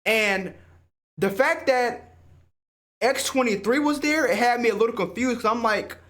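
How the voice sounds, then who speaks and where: A man hosting a casual spoiler review of a film, excitable and slangy, swearing freely and often laughing. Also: very high voice, measured pace. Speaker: movie reviewer and host.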